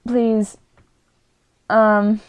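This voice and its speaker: A woman giving a casual spoken review who talks quietly, hesitates often and keeps apologizing. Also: medium pitch, level tone, drawn-out words, clean tone, dry recording, lo-fi sound. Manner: hesitant and apologetic, many fillers; speaking quietly. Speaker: character reviewer.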